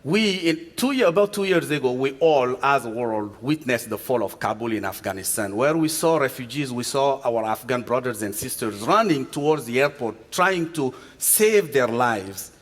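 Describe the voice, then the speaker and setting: Man from Chad, guest preacher, earnest measured sermon, halting restarts, mid-pitched voice, long church reverb. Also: expressive. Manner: earnest, measured delivery with frequent restarts and fillers. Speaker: guest preacher from a refugee agency. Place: church sanctuary.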